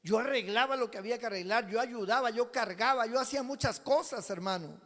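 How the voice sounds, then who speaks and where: A man, a pastor preaching a sermon as a personal testimony, telling it dramatically and swinging between loud passages and hushed ones. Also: very high-pitched, fairly quick. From Peru. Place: church sanctuary. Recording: long reverb of a church hall.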